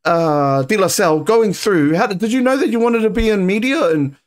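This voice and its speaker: Male interviewer, New Zealand accent, high and animated, casual slangy joker. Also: brisk. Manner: slangy, jokey banter with frequent "bro" and "G". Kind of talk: casual chat.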